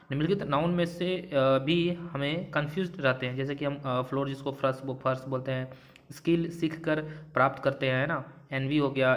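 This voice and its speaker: A man teaching an exam-prep grammar lesson, explaining rules step by step, asking and answering his own questions and mixing in English example sentences. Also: medium pitch.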